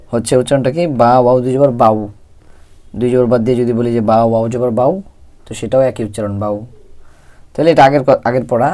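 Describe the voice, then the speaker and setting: A man teaching Quran reading in a step-by-step lesson, spelling out letters and vowel marks slowly before reading them together. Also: medium pitch, dark tone.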